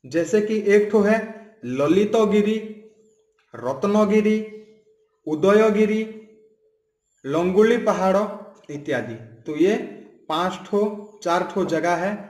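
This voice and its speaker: High-voiced teacher. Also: male voice, darkish tone, reverberant. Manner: reads out long lists of names slowly; mixes Hindi with Odia and English words. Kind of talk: class lesson explaining to students.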